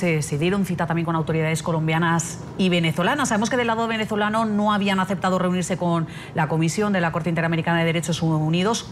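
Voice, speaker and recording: Female anchor, rapid formal delivery, faint rumble behind. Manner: brisk, formal questioning. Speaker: news anchor. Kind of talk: news interview.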